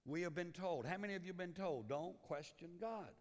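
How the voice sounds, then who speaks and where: A man from Liberia preaching a sermon as pastor, swinging from loud urgency down to hushed, low lines. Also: fairly quick. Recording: long hall reverb.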